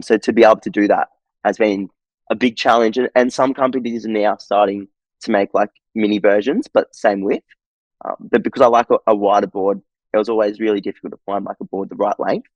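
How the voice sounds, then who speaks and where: A young man with an Australian accent talks easily as a podcast guest, his voice sitting low. He rambles in a laid-back way, dotting his talk with fillers. The sound is close and dry. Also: dry recording, highs cut off. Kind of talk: casual interview chat.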